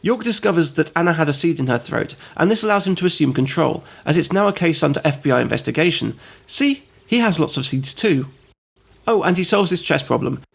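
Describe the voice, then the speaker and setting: Sarcastic gravelly man reviewing a game. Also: a little high, animated, a little fast. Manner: sarcastic, goes off on tangents. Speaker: host and reviewer. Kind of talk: comedic game review narration.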